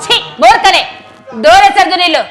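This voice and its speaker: A woman's voice: very high-pitched, moderate pace, over music. A woman playing a virtuous married woman who scolds a villain in a declamatory folk-drama style. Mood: scornful. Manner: scolding, declamatory stage delivery. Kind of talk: Kannada folk stage drama.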